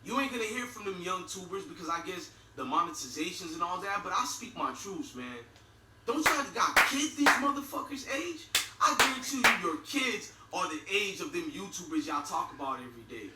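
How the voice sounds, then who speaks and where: A middle-aged man with a Haitian accent speaks in a high, sing-song voice, fairly quickly, recorded far from the mic in an echoey room with lots of noise. He's a YouTube commentator giving blunt, profane video commentary punctuated by mocking laughs.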